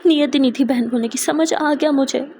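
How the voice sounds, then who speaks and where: A woman's voice: high-pitched, fairly quick, dark tone, a little hiss or hum. A woman voicing a jealous, sulky young woman who scolds her partner sharply. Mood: scolding.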